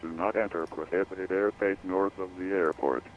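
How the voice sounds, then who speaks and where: A very deep male voice reads an automated airport weather broadcast over the radio, running through runway notices in a flat, repetitive readout. The feed sounds dull and lo-fi, with a faint hiss underneath. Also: moderate pace. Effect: radio broadcast of automated airport information.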